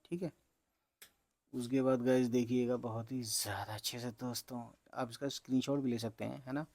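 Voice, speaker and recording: A man teaching beginners to read Urdu, spelling words out letter by letter in a slow, patient way and talking to viewers as friends. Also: mid-range voice, fairly even intonation, a little mellow, no room sound.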